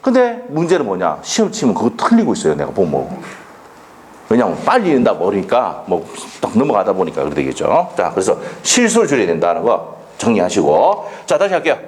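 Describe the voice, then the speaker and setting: A man's voice: fairly low pitch, wildly swooping pitch, fairly quick. A man lecturing on law for an exam, quizzing students with rhetorical questions and blunt dialect jokes.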